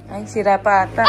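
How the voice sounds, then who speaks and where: A young woman from the Philippines vlogging casually from a messy bedroom, her voice worn out from tiredness, teasing and laughing a lot. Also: fairly high pitch. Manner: excitable, laughs and teases a lot. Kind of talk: casual vlog chat.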